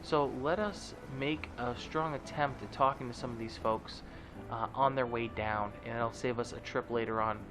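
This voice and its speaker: Background noise sits under this clip of a male let's play host speaking at a moderate pace in a medium pitch. His voice is stuffy and nasal, and his commentary is loose, jokey, and full of filler words.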